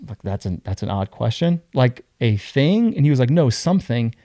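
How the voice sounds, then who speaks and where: A young man tells a story as a podcast guest, lively and full of acted-out quotes. His voice is dark and mellow. The sound is dry, close to the mic. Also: mid-range voice, normal speed, no room sound. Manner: animated, acts out other people's lines. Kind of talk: casual storytelling.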